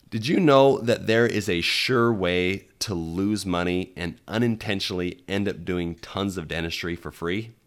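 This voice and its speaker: A man hosting a podcast in a conversational way, his voice scratchy from being under the weather. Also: low-pitched. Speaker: podcast host. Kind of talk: conversational solo podcast talk.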